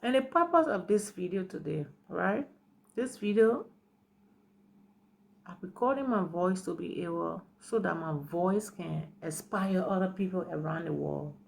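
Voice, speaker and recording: A Liberian woman in her forties gives a personal testimony in a low, gravelly voice. She speaks earnestly and circles back over her words, dotting them with "you know" and "right". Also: lively intonation, measured pace. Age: 40s. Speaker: storyteller sharing her life story.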